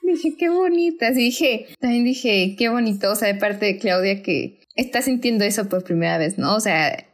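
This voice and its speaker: Young woman, podcast co-host, lively casual film chat, laughs easily, pops into high squeals. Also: normal speed, hardly any pauses. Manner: animated, laughs often, acts out her own reactions in high squeals.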